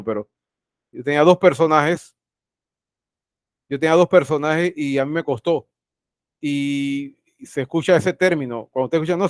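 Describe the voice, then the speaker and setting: A man's voice: fairly high pitch, no room sound, studio quality. A man teaching an online class over a video call, who often repeats his phrases and puts questions straight to his students. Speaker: university teacher.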